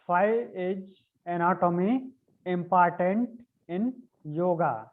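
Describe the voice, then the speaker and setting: A man's voice: sits high, slow pace. A man teaching a yoga anatomy class over a video conference call. He dictates notes, repeats phrases and spells out key words letter by letter. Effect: heard over a video conference call. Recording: narrow phone-like call audio.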